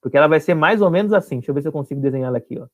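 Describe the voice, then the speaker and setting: A man's voice: fairly high pitch, lively intonation, very fast. A man teaching an online class, explaining step by step and often checking that his students follow.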